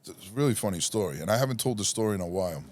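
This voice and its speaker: Guesting on a podcast, a man from Rhode Island, USA, relates a lengthy personal story casually, poking fun at himself and animatedly impersonating the people involved. He has a lowish voice and races through his words. No room sound is audible.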